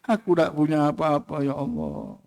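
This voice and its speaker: A man's voice: on the high side, sing-song, normal speed, vocal fry, a little mellow. A man playing a humble male saint who pleads and reproaches himself in a sermon story. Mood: ashamed prayer. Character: humble old male saint, shaken and ashamed.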